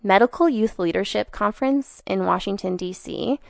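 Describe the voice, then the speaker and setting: A woman in her twenties, a podcast guest in casual chat, animated and full of "like", swearing offhandedly. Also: medium pitch, normal speed, gravelly, no echo, studio quality. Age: 20s.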